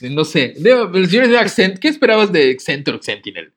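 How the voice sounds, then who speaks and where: This podcast co-host has a high, slightly bright, sing-song voice and a moderate pace. He reads a letter aloud but keeps breaking into jokes and laughter, peppering it with comic asides.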